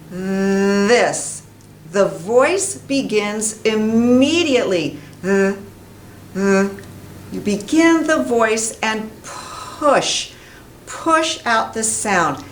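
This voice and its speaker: Here a middle-aged English pronunciation teacher from the United States delivers a lesson to camera at medium pitch, deliberate and emphatic as she carefully enunciates sounds and words. She's in a small classroom with a whiteboard. The audio comes from a distant camera mic, so it's roomy with a little background noise.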